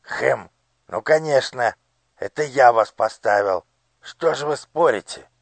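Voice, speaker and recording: A querulous old palace ceremony master with a high, quavering voice that goes shrill and loud when he barks orders, as a man reads him in an audiobook. He blusters and fusses, and the voice is dry and close. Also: expressive, measured pace, gravelly, dry recording. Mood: blustering. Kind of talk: audiobook character voice.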